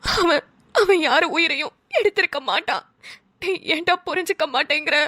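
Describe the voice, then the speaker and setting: A woman's voice: high-pitched, animated, moderate pace, sharp tone, no room sound, studio quality, voice pushed down. A woman voicing a stern, grieving mother who barks clipped orders at her son in a cartoon. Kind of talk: dubbed cartoon voice acting.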